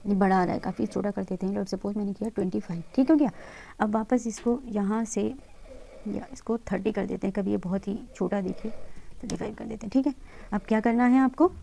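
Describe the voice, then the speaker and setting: A woman teaching interior design, patiently walking viewers through each step of a software tutorial and mixing English terms into her talk. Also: mid-range voice, gravelly. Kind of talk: screen-recorded software tutorial.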